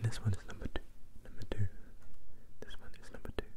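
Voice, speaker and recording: A man doing a whispered role-play as an ASMR performer, repeating instructions and questions as he shifts between whisper and soft low voice. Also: fast talker. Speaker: ASMR performer giving mock eye tests.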